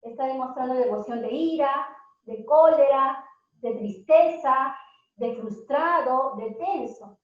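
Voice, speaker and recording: A high-voiced woman addresses a group of parents, asking them question after question and slowing way down on words she wants to stress. The audio is very echoey and dull, like it was captured in a bare room on a cheap mic.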